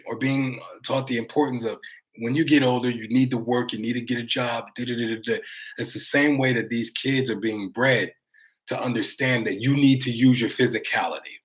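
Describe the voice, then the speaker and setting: A man's voice: medium pitch, poor audio. Rambling American man on a livestream. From United States. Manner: rambling, talks straight to viewers, many fillers. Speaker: vlogger reading live chat. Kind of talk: casual livestream chat.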